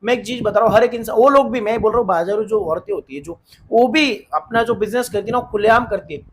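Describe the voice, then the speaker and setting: A man's voice: high voice, fast talker, a little hiss or hum. A man giving relationship advice in a casual monologue, earnest and insistent, often repeating himself.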